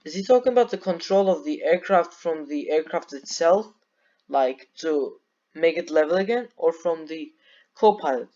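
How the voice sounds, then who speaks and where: A man's voice: on the high side, expressive, normal speed, muffled recording. A teenage boy from Turkey casually reacting to an aviation video, rambling and correcting himself, a little sleepy. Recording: loud music under the voice. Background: loud music and airplane sounds from the video.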